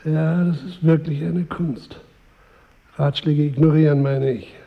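A man's voice: fairly high pitch, steady tone, a little slow, gravelly. An actor playing a vain, weary King Arthur in a radio drama, speaking in a wry, stately manner. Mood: musing, haughty. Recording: roomy hall reverb, narrowed sound.

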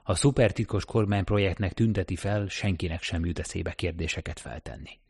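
A man narrating an audiobook, reading in an even, steady manner. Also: low-pitched, gravelly, slightly rough, dry recording, clean studio sound. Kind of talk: scripted narration.

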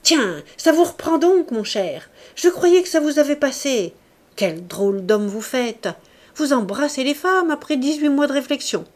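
A woman's voice: fairly high pitch, lively intonation, normal speed, a little mellow, lightly acted. Woman putting on a scornful, teasing society lady. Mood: mocking. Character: mocking, proud young woman of society. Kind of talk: audiobook character reading.

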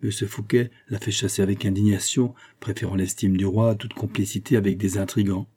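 A man's voice: lowish voice, steady tone, a little fast, mellow, slightly rough. A man reading a proud young king, firm. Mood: insistent. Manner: firm and commanding.

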